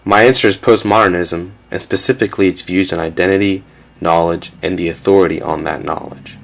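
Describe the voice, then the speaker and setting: A man giving a measured, factual scripted narration for a documentary. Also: low-pitched, fairly even intonation, creaky.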